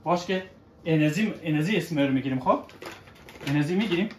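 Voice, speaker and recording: A man's voice: a little high, expressive, slight background noise. Patient father. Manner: patient, coaxing, keeps checking with short questions. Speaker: father cooking with his child. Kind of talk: casual instructional chat with a child. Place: home kitchen. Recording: echoey kitchen room.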